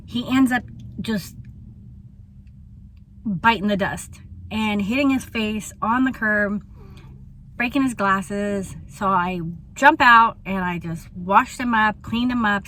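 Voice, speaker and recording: A woman tells a casual vlog story in a loose, rambling way, full of fillers and small laughs. Her voice sits at an ordinary middle pitch. She sometimes drops to a hushed tone, and faint outdoor noise runs behind her. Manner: chatty, rambling, lots of ums and laughs. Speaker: vlogger.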